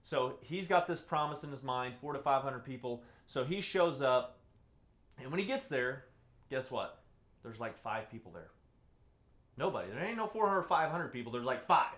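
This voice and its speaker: A man teaching a live-streamed lesson, repeating key phrases and moving between loud excited bursts and soft, low delivery. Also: normal speed. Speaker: presenter teaching webinar skills. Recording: roomy echo.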